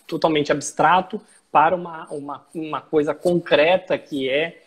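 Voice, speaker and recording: Man, Brazilian accent, husky, slightly high, hesitant explainer, casual legal talk. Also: fairly even intonation, unhurried. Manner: explanatory, hesitant with frequent fillers.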